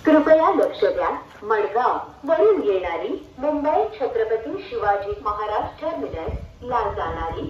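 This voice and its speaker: Woman announcing trains over an outdoor loudspeaker. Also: fairly high pitch, very animated, distant mic, highs cut off. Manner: slow, measured, formal listing of numbers. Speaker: railway station announcer. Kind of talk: public address train announcement. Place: outdoor railway platform. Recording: echoey loudspeaker heard from afar with crowd.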